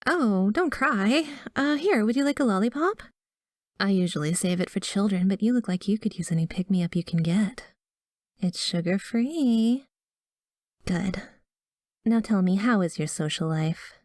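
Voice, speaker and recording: This ASMR roleplay, aimed at the listener, features a woman as a breezy, cutesy female doctor with an obsessive, coaxing streak, really a chirpy, awkward yandere stalker who blithely delivers grim news. Her voice is natural, mid-range and darkish, recorded close on a studio mic at studio quality without room sound.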